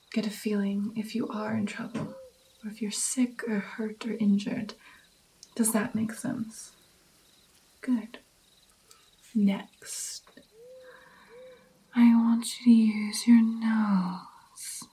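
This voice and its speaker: A woman playing a gentle vampire mentor in an ASMR roleplay, soft, breathy and mostly whispered, coaxing and encouraging her pupil with pauses. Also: medium pitch, flat delivery, low-quality recording. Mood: softly instructive. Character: gentle female vampire patiently training her new darkling. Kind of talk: ASMR personal attention roleplay.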